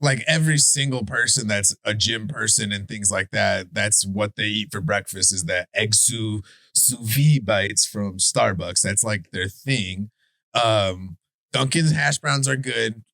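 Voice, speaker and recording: A man with a Chicago accent co-hosting a podcast in casual debate chat, animated and profane, stumbling and restarting his sentences. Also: on the low side, unhurried, creaky, no echo. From Chicago area. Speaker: podcast co-host.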